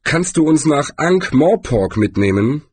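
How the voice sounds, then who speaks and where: A jittery wizard with a raised, uneasy voice, as a male narrator puts him on. The voice is a little husky and very lively in pitch, dry and close. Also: a little slow, dry recording, heavily acted. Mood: flustered. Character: nervous male wizard, flustered.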